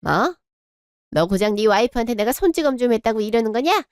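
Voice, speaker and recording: A woman's voice: fairly high pitch, lively intonation, fairly quick, clean tone, no echo, clean studio sound, lightly acted. A woman voicing a harsh, cruel older mother-in-law in a radio drama, scolding and contemptuous. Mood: indignant.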